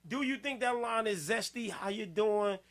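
A man with a high, bright voice hosts a loose late-night podcast chat. He is excitable and breaks into laughter and loud outbursts often. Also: normal speed. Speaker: podcast host.

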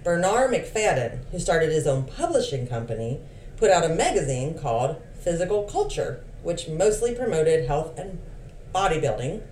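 Lively-voiced woman reading history aloud. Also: deep voice, moderate pace. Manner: reads facts with playful asides. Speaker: podcast co-host. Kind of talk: casual chat reading history notes. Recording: roomy, slightly distant mic with faint hiss.

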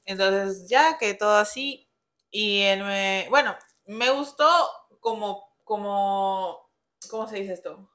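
A woman's voice: medium pitch, slow pace, fairly bright tone. Chatty young woman telling a story. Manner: chatty, laughs often, acts out quoted lines. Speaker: co-host telling their couple story. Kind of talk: casual storytelling chat.

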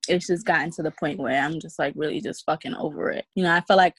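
A woman's voice: low-pitched, fairly even intonation, fast, slightly rough, dry recording. A woman in her twenties from Queens, speaking as a podcast guest in a casual, slangy, candid way. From Queens, New York. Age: 20s. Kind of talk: casual interview.

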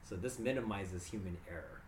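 A man guesting on a podcast, with a very deep voice. He explains things eagerly, pausing on "um" now and then. The recording sounds roomy and echoey, with clear noise behind him. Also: expressive, a little mellow. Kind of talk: casual interview talk. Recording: roomy echo with background noise.

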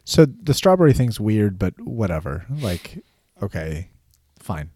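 A man's voice: lowish voice, very animated, a little slow, warm tone, breathy edge. A man co-hosting a podcast in casual football chat, laid-back, with lots of agreeing interjections and dry jokes. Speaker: podcast co-host.

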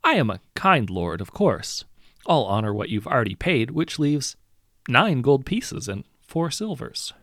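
A man's voice: medium pitch, very animated, a little slow, a bit bright, dry recording, clean studio sound, pitched above the performer's own voice. A man voicing a smug, menacing villainous lord. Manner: falsely sympathetic, menacing. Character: smug greedy male hero turned lord.

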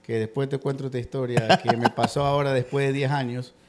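A man in his thirties from Ecuador, a podcast guest who tells his story in a relaxed way with frequent hesitations. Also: medium pitch, brisk. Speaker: guest, construction business owner. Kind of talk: casual podcast interview.

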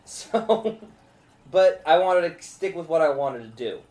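A man's voice: a little high, expressive, slow, a little mellow, echoey room. Young man telling a rambling story. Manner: rambling storyteller, many fillers and self-interruptions. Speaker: stand-up comedian. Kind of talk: casual podcast chat.

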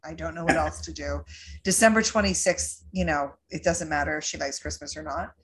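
A Canadian woman in her forties chatting casually as a podcast host, jokey and quick to recap a film plot. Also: low voice. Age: 40s. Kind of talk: casual chat.

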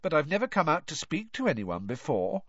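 A man's voice: a little high, huge pitch swings, a little fast, a bit bright, slightly rough, dry recording, pitched above the performer's own voice, exaggerated voice. A man voicing a mopey, sly teenage girl ghost, whiny and teasing, in an audiobook. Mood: sly bossy. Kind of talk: audiobook character voice. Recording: dry, dull lo-fi recording.

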